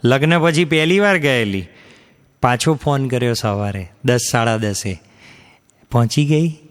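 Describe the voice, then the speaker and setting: A man's voice: expressive, normal speed, smooth. A man doing stand-up storytelling, acting out the people in his jokes with shifts of voice. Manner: acts out quoted characters with shifts in pitch. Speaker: stand-up comedian. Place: live comedy stage before an audience. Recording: hall reverb from a live stage.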